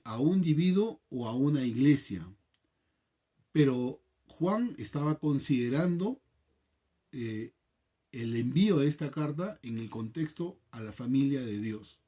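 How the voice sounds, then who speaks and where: A man with a Peruvian Spanish accent, a pastor leading a Bible study, reading scripture aloud, praying and explaining the text in a measured way. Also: a little high, lively intonation, warm tone. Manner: measured, reads scripture then prays and explains.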